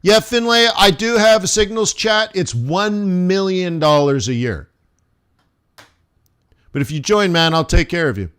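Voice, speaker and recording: This streamer's voice is high, animated and a little slow, with a bright, clear, resonant quality. He hosts a live trading session, chatting with viewers and answering them in a rambling, friendly way full of restarts.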